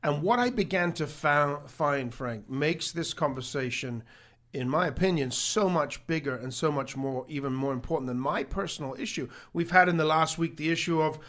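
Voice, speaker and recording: A man's voice: on the high side, normal speed, fairly bright tone. A man talking as a guest in a radio studio interview, earnest, correcting himself and repeating points for emphasis. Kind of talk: live radio interview talk.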